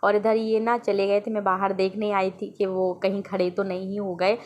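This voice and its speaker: A woman's voice: medium pitch, flat delivery, normal speed, a little mellow, highs cut off. Chatty woman narrating a family vlog. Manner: chatty, storytelling about family life. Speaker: family vlogger, mother.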